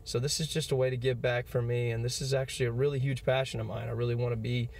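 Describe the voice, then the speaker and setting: A man's voice: mid-range voice, flat delivery, fast talker, vocal fry, darkish tone. A man in his twenties giving an earnest, encouraging motivational talk to camera, with fillers like "you know". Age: 20s. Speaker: motivational vlogger.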